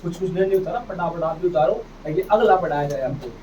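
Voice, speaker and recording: Speaking a little fast in a fairly high voice, a male teacher drills English phonics, saying each word repeatedly and prompting the class to echo it. He addresses the students as "beta", in a distant, muffled, noisy recording.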